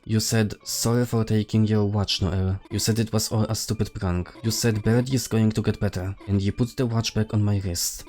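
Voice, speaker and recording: Timid stammery deer girl from a game, guy reading her lines, soft and halting. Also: fairly low pitch, lightly acted. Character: shy nervous young deer girl.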